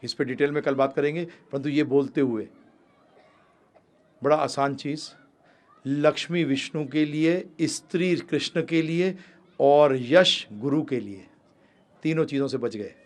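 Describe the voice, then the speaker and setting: A male spiritual teacher delivering a sermon in a fairly high voice. He is animated, rising to emphatic high-pitched calls and then dropping to low, quick asides, and he addresses listeners as "prabhu ji". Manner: ends with devotional sung calls.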